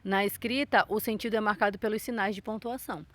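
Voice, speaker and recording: A young woman teacher with a Brazilian accent explains a grammar lesson. Her voice sits at a middle pitch and is recorded close and dry. She stops often to check that her pupils follow. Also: steady tone, fast talker, fairly bright tone, dry recording. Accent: Brazilian Portuguese. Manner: explanatory, frequent "tá?" check-ins.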